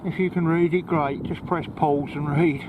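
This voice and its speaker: A vlogger walks through a park, talking to his camera in a casual, slightly hesitant way. His voice is a little high and steady, at a moderate pace, and it sounds phone-quality. The outdoor recording is noisy, with wind.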